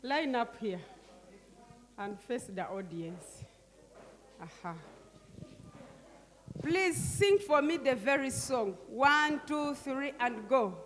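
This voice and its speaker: A long hall reverb surrounds this older Ugandan woman as she leads a workshop group, coaxing and directing them with frequent question tags. Her high-pitched voice is expressive and a bit bright, and she speaks slowly with long pauses.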